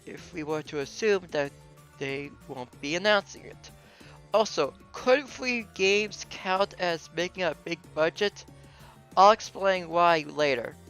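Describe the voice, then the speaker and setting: Guy doing scripted reaction commentary, smooth clean voice, bit of music underneath. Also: high-pitched, lively intonation, a little slow, a bit bright. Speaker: commentator responding to a video.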